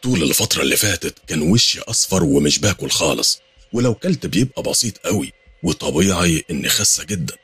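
A male storyteller with an Egyptian accent narrates a first-person horror tale. His voice is low and husky, delivered fast with lively pitch, in dry, close sound. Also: no room sound. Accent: Egyptian Arabic.

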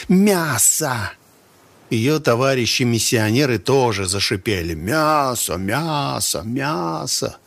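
Low-voiced man narrating an audiobook. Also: slightly rough. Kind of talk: first-person audiobook narration.

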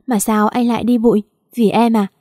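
A woman's voice: fairly high pitch, flat delivery, brisk, dark tone, dry recording, clean studio sound, close to an everyday voice. A woman voicing a timid, stammering young woman. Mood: worried.

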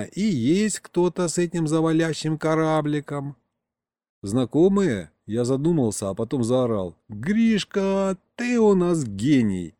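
Male audiobook narrator, expressive, animated pitch, dry close sound. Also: no room sound. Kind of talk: first-person audiobook narration.

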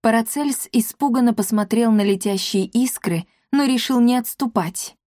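Woman reading a kids story, kinda high voice, very dry close sound. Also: moderate pace, dark tone, no echo. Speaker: audiobook narrator. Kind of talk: scripted narration.

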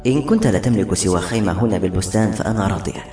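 Man doing young princess, soft raised voice, tender pleading, roomy sound, faint music. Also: lowish voice, rapid-fire, lightly acted. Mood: tearful. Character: young grieving princess in love, gentle.

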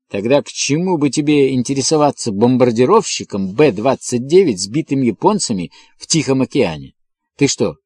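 A man reading an audiobook and voicing a gruff, irritable colonel who runs a newspaper and growls at his reporter. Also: mid-range voice, no echo. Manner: growling, shouting, blustering.

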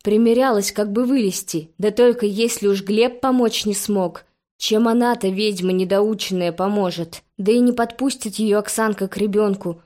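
A woman's voice: mid-range voice, normal speed, mellow. A woman reading a folk-style story aloud, narrating expressively.

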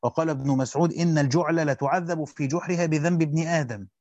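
Egyptian man, teacher, rapid classical reading, grammar asides, dry dull sound. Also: on the high side, a little mellow, dry recording. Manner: reads quickly, stops to explain grammar and quiz students. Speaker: teacher reading and explaining a Quran commentary. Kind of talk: fast classical Arabic reading with colloquial explanations.

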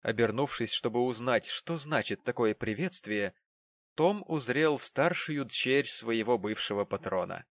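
A man narrating an audiobook of a classic novel in a measured storytelling way. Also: mid-range voice, lively intonation, no echo. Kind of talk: scripted narration.

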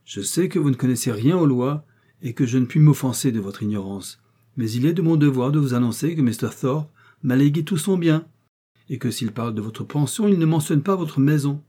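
A man's voice: medium pitch, expressive, brisk, dark tone, slightly rough. A man reading the part of a proud, scheming young heiress who speaks curtly and haughtily to her servants. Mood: imperious. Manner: haughty, curt.

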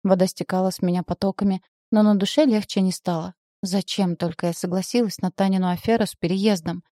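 A woman reading a first-person novel aloud in a steady, emotive way. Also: mid-range voice, brisk, no echo, clean studio sound. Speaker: audiobook narrator. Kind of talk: scripted narration.

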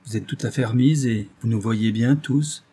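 A man's voice: mid-range voice, normal speed, mellow, slightly rough. A man voicing a stern, cool doctor who speaks curtly and probingly. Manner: curt, stern.

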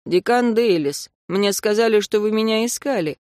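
A woman voicing a blunt, steady young male student in an audiobook, with a gruff, matter-of-fact manner. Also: mid-range voice, normal speed, no room sound, studio quality, natural voice. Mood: curt. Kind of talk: audiobook character voice.

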